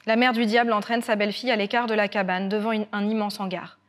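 A woman storyteller telling a folk tale with guitar accompaniment, lively and expressive with dramatic pauses. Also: medium pitch. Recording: guitar music throughout.

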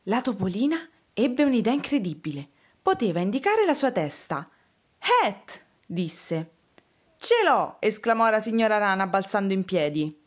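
A teacher, a woman, reading a story aloud to children in an expressive, animated way. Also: mid-range voice, moderate pace, highs cut off.

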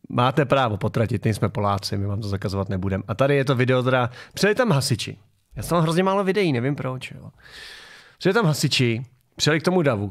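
A man hosting a political commentary show from his garage, mocking video clips in a sarcastic tone. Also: medium pitch.

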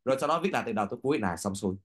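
Fast-talking teacher. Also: male voice, mid-range voice. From Vietnam. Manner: repeats "được chưa?" to check understanding; lively teacher's voice with sudden rises. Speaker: English teacher. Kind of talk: exam review lesson.

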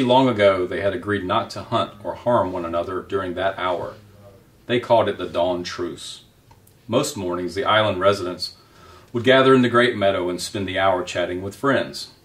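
A man reading a children's novel aloud in a gentle, unhurried storytelling manner. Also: deep voice, recorded from a distance.

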